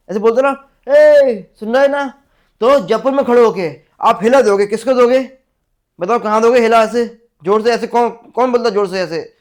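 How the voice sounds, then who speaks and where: High-voiced man drilling exam facts. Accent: Rajasthani. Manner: asks the class "clear?" again and again; drills facts by repeating them. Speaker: teacher. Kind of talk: exam-prep lecture.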